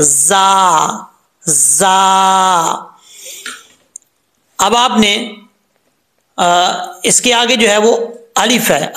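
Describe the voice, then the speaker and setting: A man teaching Quran recitation, explaining each sound patiently step by step and chanting the verses slowly. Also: high-pitched, fairly bright tone. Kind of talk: tajweed lesson with recitation.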